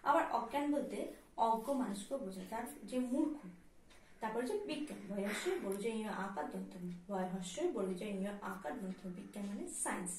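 A woman teaching a primary school class in Bengali, with a West Bengal accent. She talks slowly and patiently, spelling each word out letter by letter and often asking the children if they follow. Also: mid-range voice, animated, a little mellow, a little hiss or hum. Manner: slow, patient, spelling words out letter by letter and often checking "all right?". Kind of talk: recorded class lesson. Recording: echoey room, voice from a distance.

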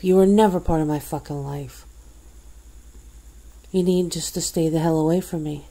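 A woman's voice: lowish voice, dark tone. A woman playing a fed-up friend in an ASMR role-play, berating and swearing with cold scorn. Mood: scornful, exasperated. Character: fed-up woman coldly cutting off a bad friend. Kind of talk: ASMR role-play, one-sided confrontation.

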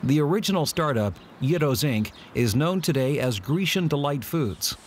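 Male voiceover guy, kinda high voice, smooth scripted read. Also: animated, normal speed, slight background noise. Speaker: narrator. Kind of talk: scripted narration.

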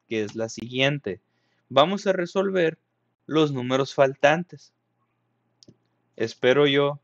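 A man's voice: medium pitch, dry recording, highs cut off. A male teacher, patiently explaining a math lesson to young pupils, often checking if they follow. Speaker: primary school teacher. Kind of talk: recorded math lesson for children.

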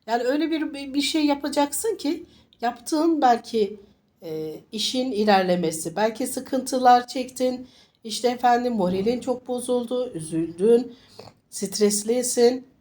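Sniffly from a summer flu, a woman with a fairly high, mellow voice reads fortunes informally for viewers. She speaks haltingly and reassuringly, often repeating her phrases.

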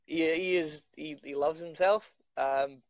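A young man chats on a video call from home, self-mocking and quick to restart his sentences. His voice sits a bit high, and the sound is dry and close. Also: steady tone, dry recording, lo-fi sound. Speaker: MMA fighter. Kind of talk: casual video-call interview. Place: living room at home.

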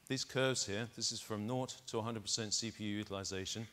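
A man's voice: on the low side, fairly even intonation, a little fast, fairly bright tone. A middle-aged man on a conference stage, talking into a lapel mic and walking the audience through test data step by step. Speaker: keynote speaker. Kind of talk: conference keynote presentation.

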